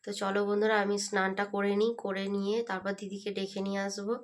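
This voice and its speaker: A young woman films a daily home vlog on a handheld phone at her family's house in a semi-rural village, chatting casually with viewers as if they were friends. She speaks softly so passers-by won't stare, in a quick, monotone, mid-range voice.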